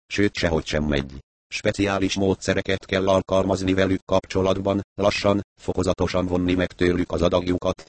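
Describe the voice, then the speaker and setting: A man reading a novel aloud as narrator, doing the dialogue in one even voice and raising it for shouts. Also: sits low, no echo. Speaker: audiobook narrator. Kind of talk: scripted narration.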